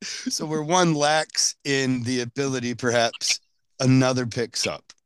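A man hosting a casual interview, rambling with halting restarts. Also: medium pitch, smooth, dry recording. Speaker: podcast host.

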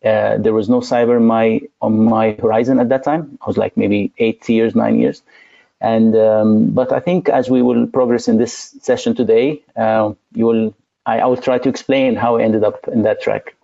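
A man from Egypt, a guest in an interview, speaking thoughtfully with frequent pauses and fillers. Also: fairly low pitch, steady tone, creaky, dull audio. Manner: thoughtful, pausing often with fillers. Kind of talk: interview conversation.

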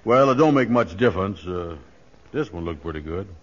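An actor playing a pompous, dim but good-hearted schemer in a 1940s radio comedy, folksy and self-important. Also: male voice, low-pitched, expressive, moderate pace. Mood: self-satisfied. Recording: dull lo-fi 1940s radio recording.

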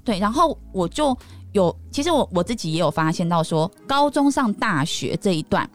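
A woman's voice: medium pitch, very animated, normal speed, soft background music. Chatty woman podcast host. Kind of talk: casual podcast chat.

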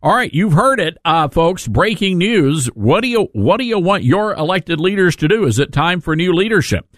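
A man's voice: high-pitched, big pitch swings, moderate pace, a bit bright, no room sound, clean studio sound. A male talk radio host giving folksy, conversational live commentary. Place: dry radio studio.

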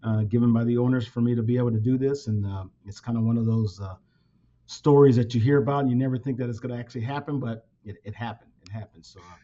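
A company president in his fifties, a native Spanish speaker raised in California, talks in a casual interview full of fillers and restarts. His mid-range voice is warm and fairly even, moving at a quick pace. The sound is dull and lo-fi.

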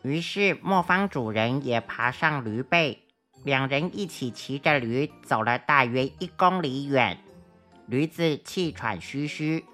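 Low-voiced, bright woman storyteller. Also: animated, slow, faint music behind. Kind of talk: children's story narration.

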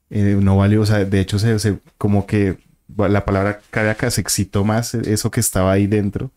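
A man from Colombia with a low, warm voice is a guest casually recounting a paranormal experience. He tells it vividly, acting out the voices and sounds involved.

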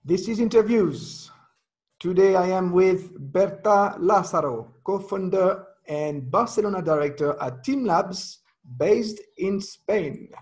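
A man's voice: high-pitched, lively intonation, takes it slowly, darkish tone. A man speaking as a podcast host, delivering scripted introductions and interview questions.

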